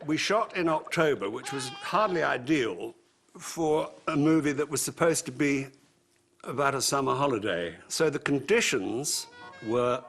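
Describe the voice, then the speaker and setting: A man's voice: medium pitch, expressive, unhurried, a bit bright. A man reminisces about a film shoot with wry, dry humor. Music plays beneath the interview. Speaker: actor recalling a film shoot.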